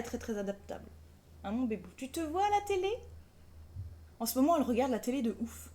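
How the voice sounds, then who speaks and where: Playful high-voiced woman, casual chatter. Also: mellow. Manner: informal, colloquial, often swearing; cooing affectionately to a pet. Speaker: live streamer, craft vlogger. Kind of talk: casual live chat, rambling and playful.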